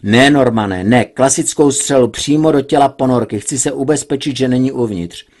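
A man with a husky voice voicing a cold, furious male villain boss who barks orders. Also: medium pitch, a little mellow, close to an everyday voice. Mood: commanding. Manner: commanding, icy.

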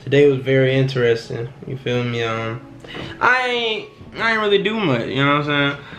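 A man's voice: mid-range voice, moderate pace, fairly bright tone, reverberant, slight background noise. A twenty-year-old man vlogging at his desk in a small wood-paneled room. He talks in a laid-back, slangy way, trails off often, and keeps saying "you know what I'm saying.". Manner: subdued and reflective, trailing off. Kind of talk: casual to-camera vlog. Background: background music.

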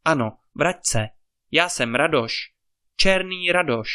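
A fierce, jealous warlord who barks his demands, as a male storyteller reads him. The tone is bright and pressing, raised a little in pitch when he shouts. Told as a spoken fairy tale. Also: lively intonation. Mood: wild. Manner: harsh, demanding.

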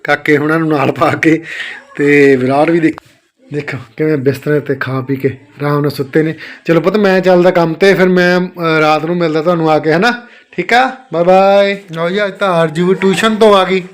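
A man's voice: fairly high pitch, normal speed. A young father vlogging his family day, talking to his children in a doting, coaxing way and often checking that they agree. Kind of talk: casual family vlog narration.

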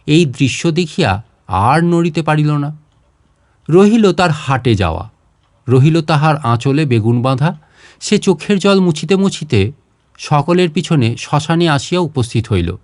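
A man with a slightly high voice reads literary fiction as a storyteller, giving it careful, dramatic treatment. He moves through phrases in a measured, expressive way, pausing between them, in a close, dry recording.

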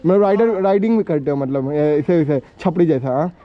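Teasing high-voiced man, street vlog. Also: fairly quick. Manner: teasing, pushy questioning. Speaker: vlogger host. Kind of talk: joking street interview. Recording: dull lo-fi phone audio, loud crowd.

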